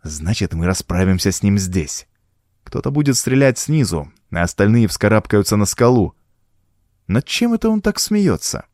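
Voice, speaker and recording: A man's voice: on the low side, sing-song, normal speed, a little mellow, dry recording, clean studio sound. A man voicing a cool-headed male pirate officer in an audiobook, terse and commanding. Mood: calm.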